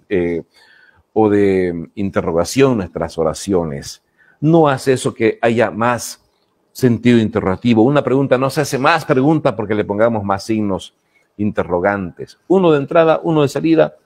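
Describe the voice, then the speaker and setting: A man's voice: lowish voice, a little mellow. A man, giving a spelling workshop lecture to an audience and often checking in with short questions. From Bolivia. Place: library lecture hall.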